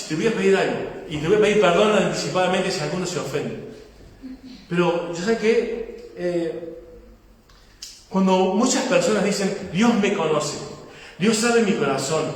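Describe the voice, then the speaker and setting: A pastor preaching a sermon in an emphatic way, addressing listeners as brother. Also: male voice, high voice. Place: church hall. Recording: echoey hall, mic far off.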